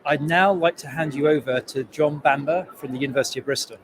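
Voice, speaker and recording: Young man hosting a talk, slightly high voice, halting fillers, faint background hum. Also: rough recording. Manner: hesitant, with fillers. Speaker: postdoc introducing the event. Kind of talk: event host introduction.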